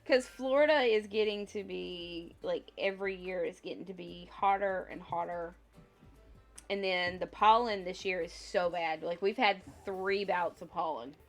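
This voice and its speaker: A woman with a voice on the low side speaks at a measured pace, hosting a casual livestream with music behind her. She rambles, thinking aloud to her viewers, slightly congested and troubled by a lingering cough.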